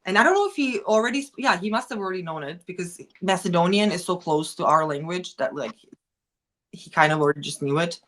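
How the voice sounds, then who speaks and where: As a guest on a casual podcast, a US woman speaks fast in a fairly low, slightly bright voice. She rambles candidly, full of "like" and frequent restarts.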